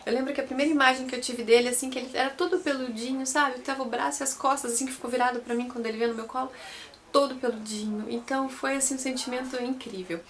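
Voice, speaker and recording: A woman's voice: high-pitched, fairly even intonation, fast talker, fairly bright tone. A young Brazilian woman telling her own story to camera in a chatty way, often repeating and correcting herself. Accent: Brazilian Portuguese. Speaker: vlogger.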